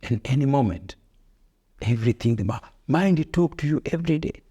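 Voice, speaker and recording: A middle-aged man with a Rwandan accent, a father co-hosting a podcast, offers earnest, preachy advice in broken English during a casual motivational chat, repeating his key phrases. His medium-pitched voice is animated, fairly quick and dark, with a breathy edge.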